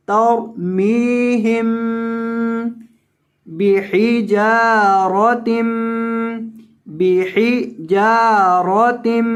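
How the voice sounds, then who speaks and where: Woman Quran tutor with an Urdu-Hindi accent, slightly high voice, drawn-out syllable-by-syllable drilling. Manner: spells out each syllable slowly, repeating words. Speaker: Quran reading teacher. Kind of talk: slow word-by-word recitation lesson.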